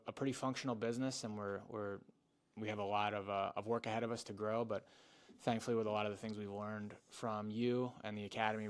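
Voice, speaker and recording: A painting company owner giving an emotional, halting video testimonial, with restarts and fillers. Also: male voice, on the low side.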